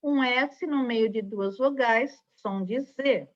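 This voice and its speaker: A woman with a fairly high voice and a slow pace teaches young children in a recorded online lesson, her accent Brazilian Portuguese. The primary school teacher spells out syllables with patience and leans on tag questions often. The sound is dull and lo-fi.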